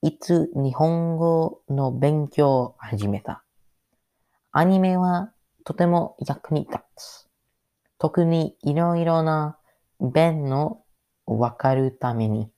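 Very slow-talking man, halting learner's speech. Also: on the high side, dark tone, clean tone. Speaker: podcast host. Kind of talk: solo podcast monologue.

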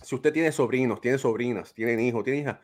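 A man's voice: mid-range voice, a little fast, a little mellow. A man hosting a casual podcast over a video call. He sounds earnest and fatherly, offering life advice. He often ends his sentences with a questioning tag. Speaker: podcast host. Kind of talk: casual chat, giving advice.

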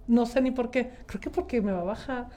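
A woman's voice: fairly high pitch, fairly quick, dark tone. A woman in her thirties with a Mexican accent, talking reflectively and rambling with many fillers in a casual group chat.

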